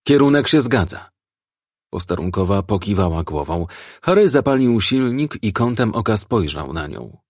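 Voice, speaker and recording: Low, husky male audiobook narrator. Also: very animated, normal speed, darkish tone, no echo, clean studio sound. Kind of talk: audiobook narration of a crime novel.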